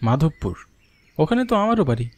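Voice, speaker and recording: A man voices a young schoolmaster in a horror cartoon, an earnest nephew who also narrates the story. His slightly high, darkish voice moves briskly with big pitch swings, and his manner is earnest and anxious.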